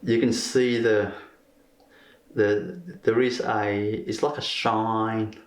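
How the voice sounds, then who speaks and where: A man from Vietnam who answers interview questions haltingly, searching for his words. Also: fairly low pitch, level tone. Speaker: crystal healer being interviewed. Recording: roomy echo.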